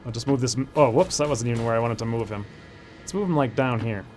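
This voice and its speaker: A man's voice: mid-range voice, fast, darkish tone, soft background music. A man hosting a let's play, talking casually through his gameplay and thinking aloud with frequent fillers. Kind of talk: gameplay commentary.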